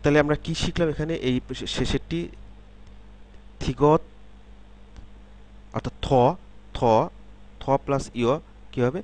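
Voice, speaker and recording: Slow, patient man teaching pronunciation. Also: fairly high pitch. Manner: repeats example sounds and asks checking questions. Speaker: language teacher. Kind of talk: step-by-step pronunciation lesson.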